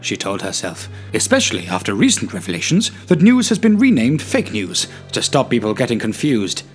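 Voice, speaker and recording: A man's voice: fairly low pitch, a bit bright. A man reading a darkly comic story in a wry, dramatic storytelling manner. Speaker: narrator. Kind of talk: scripted story narration.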